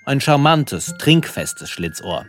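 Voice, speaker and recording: A man narrating a radio play in a measured storytelling style. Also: medium pitch, very animated, fairly bright tone, faint music behind. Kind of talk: scripted narration.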